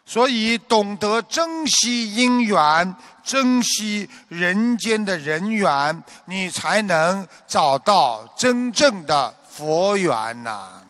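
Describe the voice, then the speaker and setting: A man giving a Buddhist dharma talk as a teacher, with a measured preaching delivery that turns animated while he tells a joke. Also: high-pitched.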